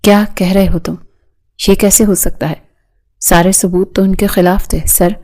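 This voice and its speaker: A woman's voice: mid-range voice, steady tone, warm tone, close to an everyday voice. A woman reading the lines of a remorseful young man who pleads in a broken voice.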